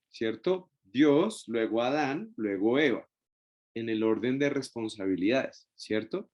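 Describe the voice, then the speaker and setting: Man leading a Bible study. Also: medium pitch. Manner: keeps checking in with the group with short tag questions; explains step by step with many restarts. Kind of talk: Bible study lesson with a shared screen.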